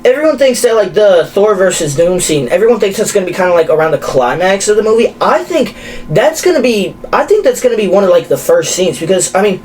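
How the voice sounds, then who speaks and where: A man's voice: high-pitched, quick pace, low-quality recording. Young man rambling casually. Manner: animated, rambling with many fillers. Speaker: podcast co-host. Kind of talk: casual chat.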